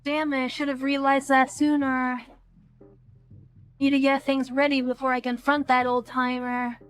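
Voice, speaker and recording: A woman streaming a video game, reading its text aloud in an even, measured way with brief comments of her own. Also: high-pitched, smooth, soft background music. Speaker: let's play streamer.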